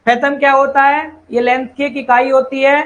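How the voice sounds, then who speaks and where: Male tutor with a high voice, repeats terms, reads definitions slowly. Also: little pitch movement, a bit bright, highs cut off. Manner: repeats key terms, calls students brother and child; reads English definitions slowly, then explains in Hindi. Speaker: civil engineering teacher. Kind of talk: online exam-prep lecture.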